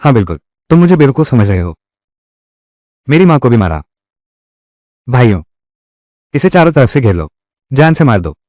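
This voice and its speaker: A man's voice: mid-range voice, very animated, normal speed, long pauses, darkish tone, dry recording, clean studio sound. A man dubbing all the roles of a drama, with heated, quarrelsome delivery.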